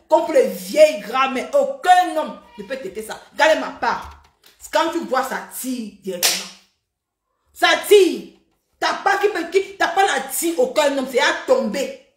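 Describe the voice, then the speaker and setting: A woman hosting a live stream, talking in an animated, mocking, repetitive way. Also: high-pitched, normal speed, reverberant. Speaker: livestream host. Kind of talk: heated live-stream rant.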